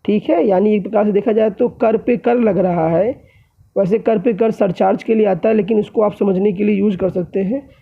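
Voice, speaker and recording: Husky-voiced man teaching economics. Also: high voice, fairly even intonation, normal speed. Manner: explains step by step, often addressing viewers as friends. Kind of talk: classroom lecture. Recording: tinny phone-like audio.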